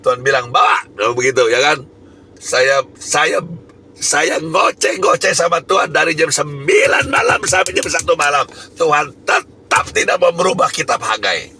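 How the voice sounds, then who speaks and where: A man's voice: fairly high pitch, moderate pace, pushed and bright, a little hiss or hum. A man preaching a sermon as an evangelist, telling a personal story emphatically with bursts of raised voice. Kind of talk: sermon testimony.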